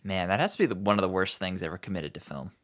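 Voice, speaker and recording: A man's voice: sits low, lively intonation, very fast, fairly bright tone. A young man co-hosting a podcast, laid-back and joking in casual chat. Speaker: podcast co-host.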